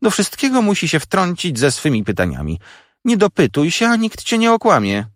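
A man voicing a stern, scolding older sister with a sharp, nagging delivery. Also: medium pitch, wildly swooping pitch, drawn-out words, breathy edge, dry recording, studio quality, pitched above the performer's own voice, exaggerated voice.

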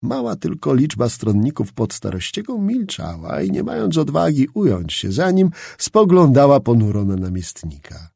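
A man's voice: medium pitch, wildly swooping pitch, moderate pace, creaky, hardly any pauses, mellow, slightly rough, no echo, clean studio sound. A man narrating a historical novel as an audiobook, reading expressively.

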